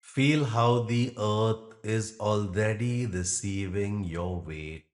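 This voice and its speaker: A low-voiced man guides listeners through relaxation, giving each instruction softly and very slowly. Like a yoga nidra teacher, he leaves long, generous pauses between phrases in this guided meditation.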